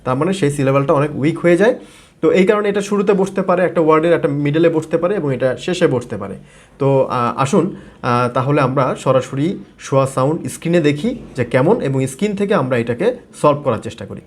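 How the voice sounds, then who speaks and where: A man's voice: on the high side, fast talker. A man from Bangladesh, a native Bengali speaker, teaching English pronunciation in a video lesson, repeating and modeling words with frequent fillers.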